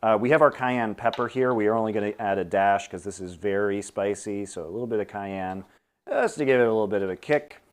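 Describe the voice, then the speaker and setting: A man's voice: on the low side, brisk, a little hiss or hum. A man hosting a casual cooking stream, explaining each step aloud with dry, teasing humor. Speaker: cooking show host.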